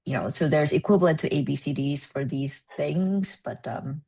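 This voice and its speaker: A woman presenting at a research meeting, explaining with many ums and pauses. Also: low-pitched, dark tone, slightly rough. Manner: hesitant, many ums and uhs.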